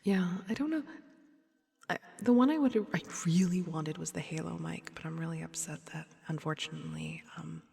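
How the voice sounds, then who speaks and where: Low gravelly whispering woman, reverby. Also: brisk, a little mellow. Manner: mostly whispering, chatty, with sudden startled outbursts. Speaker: VTuber streamer. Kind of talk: whispered ASMR chat.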